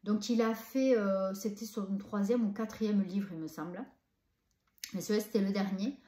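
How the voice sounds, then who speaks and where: A woman's voice: mid-range voice, fairly even intonation, normal speed, warm tone, reverberant. A woman from southern France with a southern French accent, chatting enthusiastically about books she has read, with many hesitations. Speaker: book vlogger. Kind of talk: casual book review.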